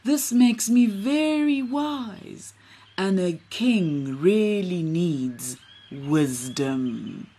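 Woman as a wise old owl, lower voice, very slow, hushed and soft. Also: animated, slightly rough, exaggerated voice. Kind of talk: storybook reading.

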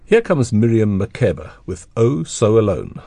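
Male radio host, low mellow voice, dry studio sound, relaxed interviewer. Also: moderate pace, vocal fry, breathy edge, no room sound.

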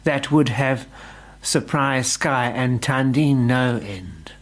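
Man reading gossipy male animal, radio storybook, slow, musing, mid-pitched.

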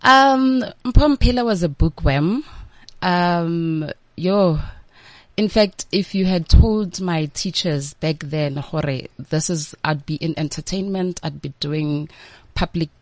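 A South African woman from Limpopo, an entertainment entrepreneur and MC, answers interview questions in a chatty, informal way, occasionally slipping in local-language words. Her voice is fairly low and slow, and the recording is dry.

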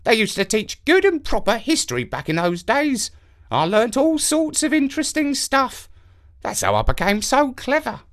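A man's voice: extremely high pitch, huge pitch swings, normal speed, a bit bright, voice pushed up, full character voice. A man voicing a very old, clever talking crow with a chatty, knowing manner. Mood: proud.

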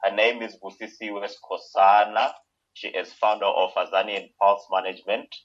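A man hosting a podcast conversationally, with a husky, rough-edged voice. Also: lowish voice, level tone, moderate pace. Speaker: podcast host. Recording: dull lo-fi remote call audio.

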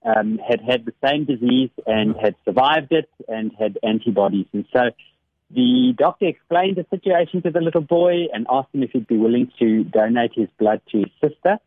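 A man's voice: medium pitch, animated, normal speed, dry recording. Earnest man telling a story over a phone line. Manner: earnest storyteller, many small restarts, laughs easily. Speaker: radio guest, academic devotional speaker. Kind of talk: warm conversational devotional reflection. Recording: dry, phone-like radio line.

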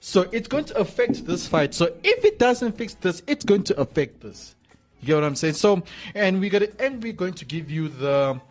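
Welcoming male radio sports host, music underneath. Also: on the high side. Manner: welcoming, greets listeners and co-host; repeats words and phrases for emphasis. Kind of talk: casual chat with co-host.

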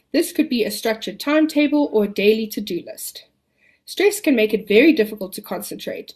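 A woman presents scripted informational narration at a middle pitch. Her delivery is measured and instructional, like a podcast presenter explaining practical advice and guiding her listeners. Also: a little mellow.

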